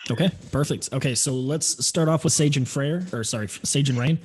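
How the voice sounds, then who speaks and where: A man's voice: mid-range voice, a little fast, a little mellow, husky. A man acting as game master, narrating a tabletop role-playing game and prompting the players.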